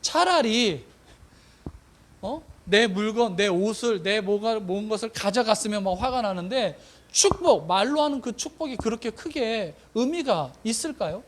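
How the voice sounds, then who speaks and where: A man's voice: high voice, lively intonation, measured pace. A male pastor preaching a sermon, addressing the congregation with questions and repeating phrases for emphasis.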